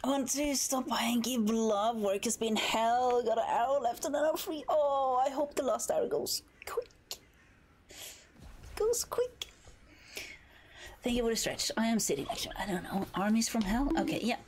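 A woman live streamer chatting playfully to her viewers while gaming, giggling often and slipping into soft whispers. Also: a little high, brisk, few pauses, a little hiss or hum.

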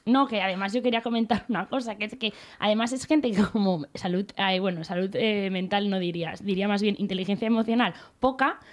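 A woman, co-hosting a comedy podcast in a studio, chatting briskly and acting out other people's lines. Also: medium pitch. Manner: lively, acts out quoted relatives. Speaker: podcast co-host. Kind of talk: casual comedic chat. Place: radio studio.

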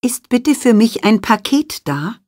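A woman's voice: fairly high pitch, very animated, slow, darkish tone, dry recording, studio quality. A woman reading short scripted dialogue lines for a lesson. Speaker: dialogue reader.

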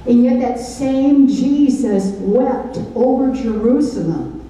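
Her voice a little high and mellow, an older woman speaks slowly as she teaches a Bible study sermon. She preaches emphatically from a lectern on a large dark stage, using a handheld mic and asking the audience call-and-response questions. The sound comes from a distance in an echoey hall with faint ambience.

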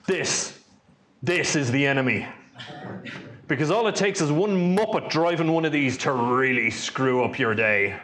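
Give me a joking Irish conference speaker, a man with a fairly high voice. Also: animated, unhurried, fairly bright tone. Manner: dry, joking storyteller. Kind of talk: lightning talk at a tech meetup.

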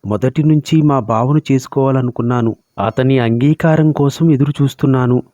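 Guy reading out a smug young woman, sarcastic and cool, mellow dry voice, dull lo-fi sound. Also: mid-range voice, normal speed, no echo, close to an everyday voice. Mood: coolly defiant. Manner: cool, sarcastic, self-assured. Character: proud, scheming young woman. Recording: dull lo-fi recording.

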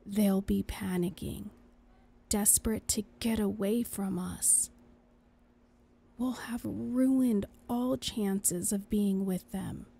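A woman playing a gentle, principled female angel in a soft, breathy, earnest ASMR role-play. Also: medium pitch, steady tone, takes it slowly, full character voice. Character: gentle, principled female angel, reassuring yet exasperated conscience.

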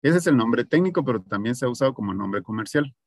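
A man's voice: medium pitch, expressive, fast talker, creaky, dry recording, studio quality. A man teaching an online agronomy class, explaining patiently and often checking in with his students. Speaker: agronomy instructor.

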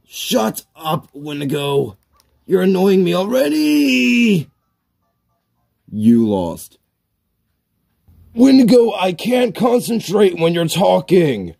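A man's voice: fairly high pitch, very animated, vocal fry, a little mellow, pitched above the performer's own voice, full character voice. A man voicing a whiny, easily flustered young male monster who snaps in a comic gaming sketch. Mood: annoyed. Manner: whining, quick to snap.

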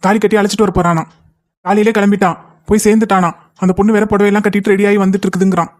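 A man's voice: sits high, level tone, lightly acted. A man voicing an anxious young male friend in a cartoon, fretting and complaining. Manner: fretful, fast complaining. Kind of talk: cartoon voice acting.

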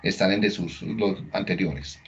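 Low-voiced man lecturing. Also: fairly even intonation, normal speed, a little hiss or hum. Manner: conversational, frequent tag questions and restarts. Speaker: neuroscience lecturer. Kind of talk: recorded lecture explaining slides. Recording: dull lo-fi recording.

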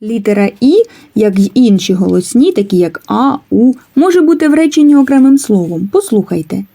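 A woman's voice: a little high, lively intonation, a little fast, gravelly, warm tone. A woman teaching a letters lesson to young children, coaxing them with questions and waiting for answers. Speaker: kindergarten teacher.

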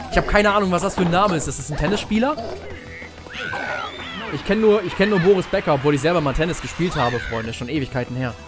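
A young man streaming and commentating a tennis video game for his chat in a casual, jokey way, with sudden excited shouts. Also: fairly high pitch, quick pace, music in the background.

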